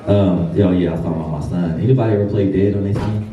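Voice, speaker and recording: A young man from Ohio doing profane stand-up comedy, chatting with the crowd and slipping into squeaky quote voices. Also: fairly even intonation, rapid-fire, dark tone, highs cut off. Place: comedy club stage. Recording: roomy club sound from a distant mic. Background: audience laughter.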